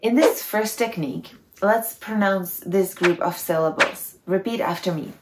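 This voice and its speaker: A woman's voice: mid-range voice, a little slow, echoey room, very noisy. A woman teaching pronunciation to foreigners, patiently demonstrating sounds with repeated syllables. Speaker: Czech language teacher. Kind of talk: pronunciation lesson.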